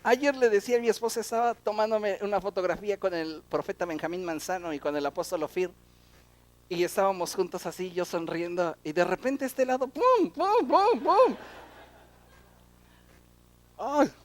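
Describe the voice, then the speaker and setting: A man preaching a sermon as pastor, animated and full of rhetorical questions. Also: high voice, brisk.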